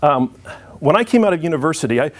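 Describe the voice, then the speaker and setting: A middle-aged man with a fairly high, animated voice talks at a quick pace during an informal conference presentation. Friendly and jokey, he regularly restarts his sentences.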